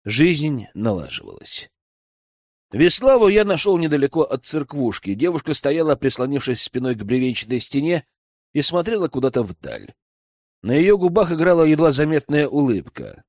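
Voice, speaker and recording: A man's voice: a little high, very animated, moderate pace, a little mellow, no echo. A man reading a first-person audiobook with wry, ironic asides, close to the mic. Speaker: audiobook narrator.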